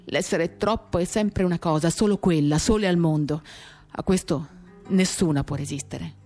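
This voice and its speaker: Reading a novel's monologue for radio theatre, a woman speaks at a moderate pace in a voice on the low side and a little mellow. She confides in short, dramatic, intimate phrases while acoustic guitar plays.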